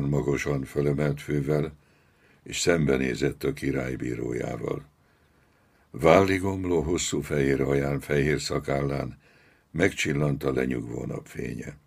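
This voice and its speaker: A man narrating a novel as an audiobook, measured and dramatic. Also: rumbling low, vocal fry, darkish tone, breathy edge. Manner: slow, measured, dramatic storytelling.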